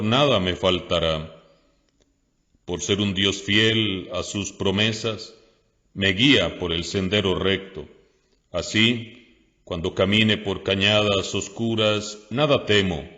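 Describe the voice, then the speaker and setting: A Costa Rican priest reading scripture aloud in a slow, measured way, then preaching a homily. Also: male voice, low-pitched, a bit bright. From Costa Rica. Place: parish church. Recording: dull lo-fi audio with long church reverb.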